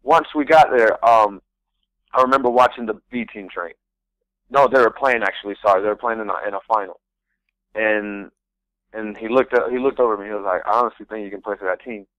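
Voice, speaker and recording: A man's voice: on the low side, brisk, a bit bright, no echo, low-quality recording. A young man, a guest on a radio talk show, telling his story in an earnest, rambling way, often restarting his sentences. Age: young adult. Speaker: guest, pro soccer rookie. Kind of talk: casual interview storytelling.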